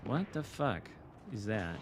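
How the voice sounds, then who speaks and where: Streaming a video game, an American man with a Michigan accent gives casual, dry live commentary that turns profane at times. His voice is low, animated and slow, buried in heavy background noise from in-game artillery and gunfire.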